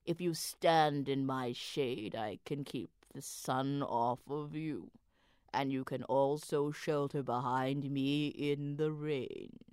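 A woman doing a deep, slow stone wall. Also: darkish tone, clean tone, dry recording, studio quality, heavily acted. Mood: stolid. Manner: low, slow and heavy. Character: great solid stone wall, slow and stolid.

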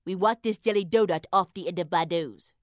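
A woman voicing a stubborn, greedy wife in a folk tale, dropping to a hushed whisper when she dreams of treats. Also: fairly low pitch, fairly quick, dry recording, studio quality, close to an everyday voice.

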